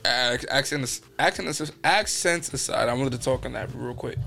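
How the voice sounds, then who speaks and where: A man's voice: mid-range voice, normal speed, gravelly, sharp tone, soft background music. A young man from New York hosting a podcast, telling stories casually and acting out quotes in a raised voice. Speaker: podcast host. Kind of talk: casual storytelling chat.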